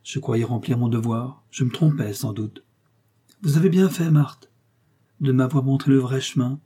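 A proud, grieving aristocratic mother speaks in a cool, haughty manner, voiced by a man reading aloud. The tone is dark and husky, with measured storybook delivery. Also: mid-range voice, lightly acted.

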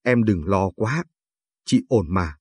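A man's voice: low voice, lively intonation, takes it slowly, husky, no room sound, exaggerated voice. A man reading as a meek pregnant young wife. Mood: resigned. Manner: soft, resigned reassurance.

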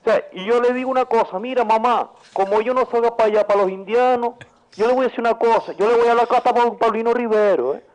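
Aggrieved island caller voiced by a man, heard over the phone: shrill, fast-talking, keeps hammering the same complaint. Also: steady tone, a little mellow. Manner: complaining, repeats himself, fast and pushy. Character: indignant middle-aged male island caller, aggrieved and insistent. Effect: caller heard over the phone line. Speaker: radio show caller.

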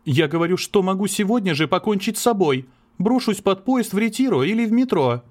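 A man's voice: high-pitched, lively intonation, brisk, voice pushed up. A man voicing an anxious, lovesick young man who pleads earnestly, in an audiobook. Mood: pleading. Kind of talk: audiobook character reading.

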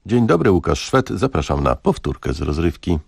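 A male radio host giving a dry, measured scripted introduction. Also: sits low, big pitch swings, creaky.

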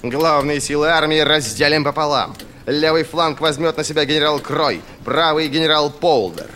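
A man's voice: on the high side, moderate pace, pushed and bright, voice pushed up. A man voicing a stern, curt older army commander in an audiobook, speaking bluntly and with authority. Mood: commanding.

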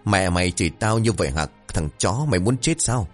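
A man's voice: deep voice, expressive, brisk, soft background music. A man voicing a big, hot-tempered young villager who threatens the pranksters. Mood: furious. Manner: angry and threatening.

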